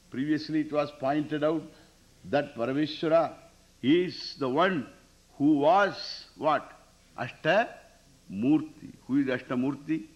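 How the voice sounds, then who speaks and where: Indian-accented man teaching, animated swooping pitch. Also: highs cut off. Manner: emphatic, repeats phrases and poses questions to listeners. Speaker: spiritual teacher. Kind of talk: Vedanta scripture discourse with Sanskrit recitation.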